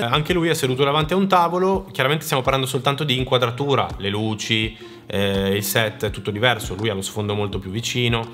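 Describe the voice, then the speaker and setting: A man's voice: mid-range voice, a bit bright. A man talks informally to his viewers as a video creator, explaining things step by step in colloquial words. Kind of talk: casual explanatory vlog talk.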